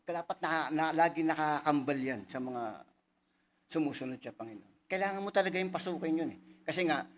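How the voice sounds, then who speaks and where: A male pastor preaching a casual, conversational sermon, reading scripture slowly and louder and often asking the congregation "right?". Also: on the high side. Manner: frequent tag questions to the congregation.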